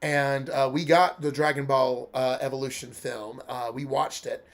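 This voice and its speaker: A man's voice: medium pitch, little pitch movement, moderate pace. Congested young man chatting while streaming. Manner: chatty, laughs often, lots of uh fillers. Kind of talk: casual let's-play stream chat.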